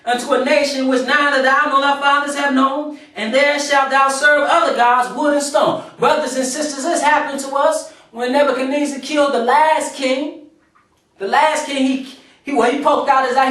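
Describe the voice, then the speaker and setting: A man preaches a sermon in a high voice, reading scripture and driving points home with repetition. He stands well back from the mic, and heavy room echo surrounds every word. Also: fairly bright tone. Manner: preaching cadence, repeats phrases for emphasis. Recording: echoey room from far off.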